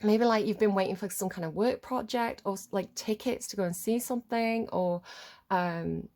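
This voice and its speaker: A tarot card reader with a head cold gives a casual, chatty reading, her mid-range voice slightly muffled and her nose congested. She speaks at a normal speed in a slightly mellow tone, rambling informally and often checking in with "right?"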